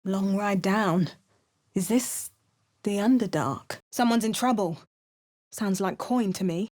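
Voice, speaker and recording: These are recorded voice lines for a fantasy video game, where a woman plays a determined adventuring heroine. At a slow pace and medium pitch, she delivers clipped, wry asides, first-person narration, and shouted spell incantations.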